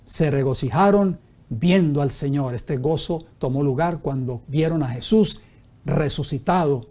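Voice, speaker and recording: A man's voice: fairly high pitch, measured pace, mellow. A man pastor teaching a Bible study sermon, reading scripture aloud and asking his listeners rhetorical questions.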